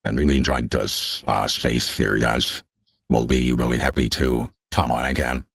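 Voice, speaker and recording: Brief: male guest through voice changer, extremely deep, gravelly and husky, slow and halting. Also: flat delivery, fairly bright tone, dry recording, studio quality. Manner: halting, many fillers. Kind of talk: casual chat.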